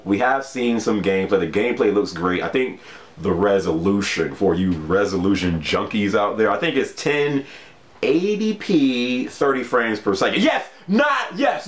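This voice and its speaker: A man with a lowish voice, recorded in a reverberant space, casually vlogs about video games straight to camera. The chat is loose and laid-back, full of laughs and fillers like "you know."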